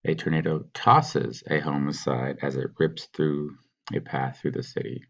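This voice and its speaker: A man teaching, patiently talking students through a worksheet and sounding out words slowly. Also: a bass voice, fairly even intonation, vocal fry, lo-fi sound. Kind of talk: recorded classroom walkthrough.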